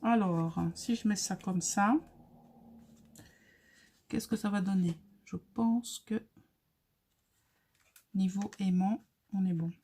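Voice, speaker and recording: Woman with a light accent doing a craft tutorial, slow and chatty, friendly step by step. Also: mid-range voice, mellow, breathy edge. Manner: chatty, friendly, talks viewers through each step.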